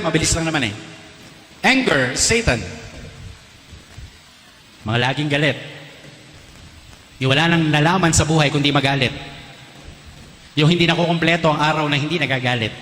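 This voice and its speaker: Filipino priest preaching in an echoey hall. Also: male voice, on the high side, fairly bright tone, a little hiss or hum. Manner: playful, teasing questions to the crowd, code-switching with English. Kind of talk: teaching sermon to a live audience. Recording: roomy hall reverb, faint ambience.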